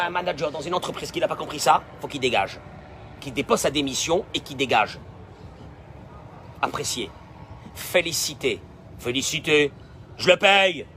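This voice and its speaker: A male rabbi preaching a sermon, emphatic and repetitive, swinging between loud declarations and hushed asides. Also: on the high side, a little hiss or hum.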